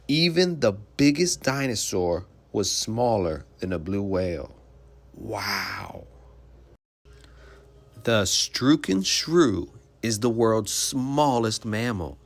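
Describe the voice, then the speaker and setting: In a mid-range voice, a man reads a children's picture book aloud the way a teacher would, explaining things simply and asking young listeners questions.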